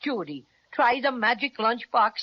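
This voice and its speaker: A little bear with a high, bright voice, eager and full of his own importance. He chirps boastfully in old children's radio style, on a muffled lo-fi recording. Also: expressive, a little slow, full character voice. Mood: excited. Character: small, eager, self-important male bear. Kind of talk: old-time children's radio serial acting.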